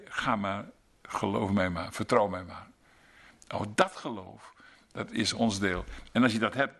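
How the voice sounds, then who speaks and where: A male preacher delivers an earnest sermon, hammering his points home by repeating phrases. His voice sits fairly low and has a gravelly, creaky edge. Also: fairly bright tone. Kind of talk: sermon with closing prayer.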